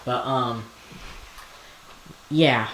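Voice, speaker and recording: A man's voice: medium pitch, drawn-out words, fairly bright tone. A man giving casual, off-the-cuff commentary as a hobbyist, hesitant and often trailing off. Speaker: weather alert recording hobbyist. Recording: echoey room with faint ambient noise.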